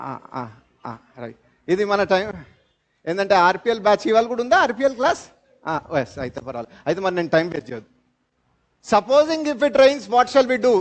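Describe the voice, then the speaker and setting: A man with a Telugu accent teaching an English grammar class, explaining slowly, repeating terms and quizzing his students. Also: sits high. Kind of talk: live class lecture. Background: fans running in classroom.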